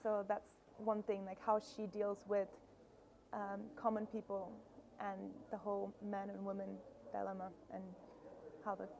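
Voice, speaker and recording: A filmmaker from Brazil being interviewed at a film festival, answering thoughtfully with frequent pauses. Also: female voice, mid-range voice, completely flat delivery, creaky, background noise. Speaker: filmmaker guest.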